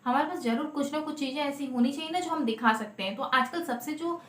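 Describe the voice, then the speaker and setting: Speaking a little fast in a high, slightly bright voice, this lawyer presents a legal advice video, talking informally to the camera about the law. She's emphatic and advocate-like, rewording and restating her main points, and the room she's in is echoey and untreated.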